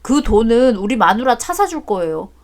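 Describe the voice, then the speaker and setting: A woman's voice: on the high side, sing-song, moderate pace. A woman voicing a blunt adult son who talks back cheekily to his father in a storybook drama. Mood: cheeky.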